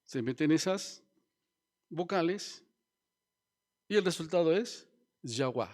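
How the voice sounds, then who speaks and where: A man's voice: fairly high pitch, lively intonation, takes it slowly, a little mellow. A man preaching a sermon as pastor, teaching and asking the congregation questions. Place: church.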